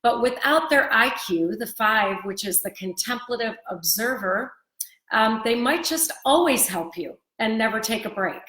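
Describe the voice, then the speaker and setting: A woman's voice: on the high side, expressive, moderate pace, pushed and bright. A woman co-hosting a live video stream, explaining a book she wrote in a teaching tone. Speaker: co-host and author. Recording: roomy echo.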